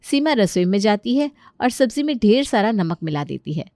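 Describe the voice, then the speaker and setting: A woman narrating a cartoon family story in a plain, even way. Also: mid-range voice, moderate pace, dry recording, clean studio sound.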